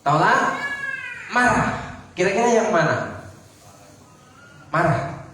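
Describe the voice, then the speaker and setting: Man, pastor, Javanese-tinged Indonesian accent, high voice, echoey church hall. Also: takes it slowly, distant mic, background noise. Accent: Javanese-influenced Indonesian. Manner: animated preaching, rhetorical questions to the congregation. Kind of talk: sermon. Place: church hall, livestreamed service.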